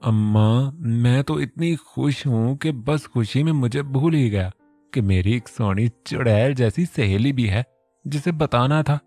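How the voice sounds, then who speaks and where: A man voicing a lively, teasing teenage girl in a storybook reading. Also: mid-range voice, unhurried, no room sound, soft background music, pitched above the performer's own voice, lightly acted. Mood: excited. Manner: playful, teasing.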